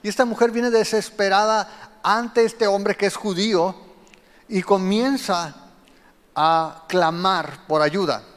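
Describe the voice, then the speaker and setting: A man's voice: sits high, slow, long reverb tail. A man preaching a sermon, explaining scripture and speaking directly to his listeners. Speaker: pastor.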